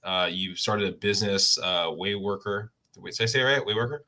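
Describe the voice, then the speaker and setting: A man hosts a podcast interview in a friendly, chatty way, often correcting himself mid-sentence. His voice is lowish but has a bright, forceful edge. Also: fast. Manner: friendly, self-correcting, stumbles over names. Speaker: podcast host. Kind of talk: casual interview chat.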